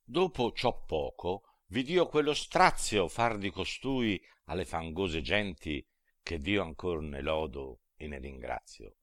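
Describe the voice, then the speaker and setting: Very deep-voiced man reciting verse gravely. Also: lively intonation, takes it slowly, fairly bright tone, no room sound, clean studio sound. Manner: solemn, grave declamation of verse. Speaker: reader. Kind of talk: dramatic poetry recitation.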